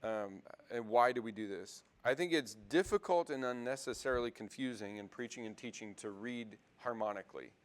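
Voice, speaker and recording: A man's voice: mid-range voice, moderate pace, few pauses. Guy teaching a bible class, loose and chatty, lots of ums, asks the room stuff. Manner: conversational, many fillers and restarts, asks the class questions. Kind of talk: casual classroom lecture.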